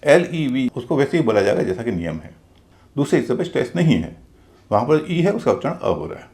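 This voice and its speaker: Lively-voiced male pronunciation teacher. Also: medium pitch, brisk. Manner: patient, methodical, spells out letters one by one. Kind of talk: classroom-style explanation.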